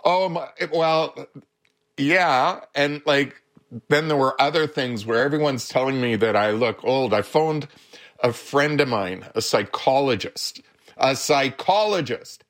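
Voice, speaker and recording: A man's voice: medium pitch, measured pace, fairly bright tone. A man, a therapist guest on a radio show, telling anecdotes with frequent chuckles. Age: 70s. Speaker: therapist and social worker guest. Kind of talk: radio interview, storytelling.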